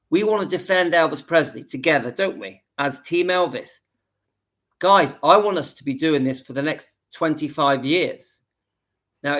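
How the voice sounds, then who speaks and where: A man in his fifties hosts a casual direct-to-camera vlog from home, earnestly rallying his viewers and repeating points for emphasis. His voice is fairly high in pitch and a bit bright.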